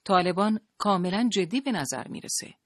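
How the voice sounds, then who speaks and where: A storyteller voicing a gruff, dismissive husband in an audiobook, loud and scoffing, sounding higher than the narration. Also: animated, dry recording, clean studio sound, lightly acted. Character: gruff dismissive husband who mocks his wife.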